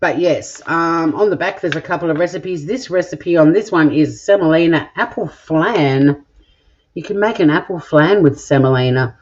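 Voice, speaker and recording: This live cooking stream features a middle-aged Australian woman in her home kitchen, casually reading viewer comments, being playful, and swearing here and there. She has a low, slightly mellow voice at a moderate pace, recorded in dull lo-fi quality.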